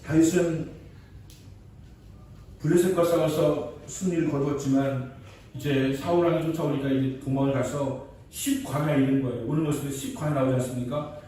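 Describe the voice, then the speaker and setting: A man's voice: mid-range voice, fairly even intonation, normal speed, warm tone. A male pastor preaching a sermon, telling a story and building to emphatic repeated questions. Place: church sanctuary. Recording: distant mic in echoey church with faint background noise.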